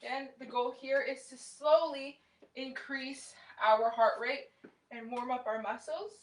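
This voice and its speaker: A young woman fitness instructor leads a home workout in a small indoor room, cueing exercises and counting reps with encouragement while she moves. Her high voice has fairly even intonation and a measured pace, picked up by a far camera mic across the room with roomy echo.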